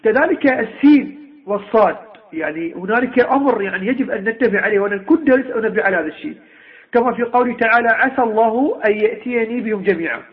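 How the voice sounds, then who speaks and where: A middle-aged man, teaching Quran recitation in a halting way with many drawn-out fillers and slowly sounding out letters to demonstrate them. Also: sits high. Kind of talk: recorded lesson on recitation. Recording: dull lo-fi recording.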